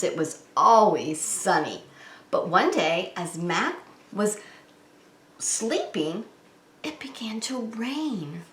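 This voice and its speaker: In an echoey, roomy space, a woman leads a children's read-aloud and singalong as a preschool teacher. Her medium-pitched voice sounds pushed and bright. She talks simply and expressively, often posing questions to the little ones.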